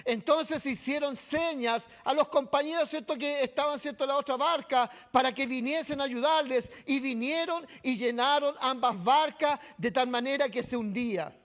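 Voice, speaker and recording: A man's voice: very high-pitched, normal speed, few pauses, fairly bright tone. A man with a Chilean accent preaching a sermon in a church, who keeps asking "right?" and calls the listeners "beloved". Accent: Chilean Spanish. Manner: keeps adding "¿cierto?" and "amado" to address the congregation.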